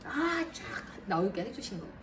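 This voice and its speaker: A woman math tutor giving a lively lesson to parents, counting aloud and talking straight to mothers. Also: medium pitch, normal speed, recorded from a distance. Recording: roomy, a bit off-mic, faint noise.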